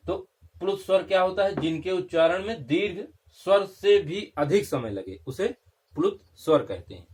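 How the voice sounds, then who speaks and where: A man's voice: a little high, darkish tone. A young man teaching a Hindi grammar lesson, repeating key terms and checking in with his class.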